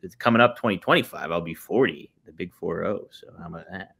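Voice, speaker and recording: A man's voice: low-pitched, fast, gravelly, slightly rough. A man in his late thirties co-hosting a podcast, chatting casually with an upbeat, encouraging manner. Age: 30s. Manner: upbeat, encouraging, lively intonation. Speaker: podcast co-host. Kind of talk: casual chat.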